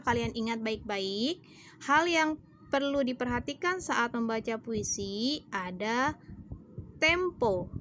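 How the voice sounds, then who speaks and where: A woman teacher explaining a lesson to her pupils in a clear, direct way, turning to them with questions. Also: on the high side, fairly bright tone, slight background noise. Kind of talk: online class lesson.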